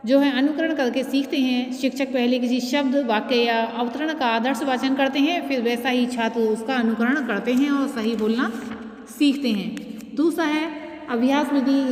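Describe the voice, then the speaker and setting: A woman teacher giving a steady explanatory lecture, slowing down to recite verses. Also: high-pitched. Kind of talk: lecture explaining Sanskrit pronunciation methods. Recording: echoey room with long reverb.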